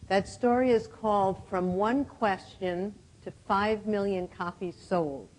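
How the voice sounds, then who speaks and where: A woman in her seventies giving a reflective storytelling talk to a conference audience, often clearing her throat. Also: mid-range voice, slow, darkish tone, poor audio. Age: 70s. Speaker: conference speaker.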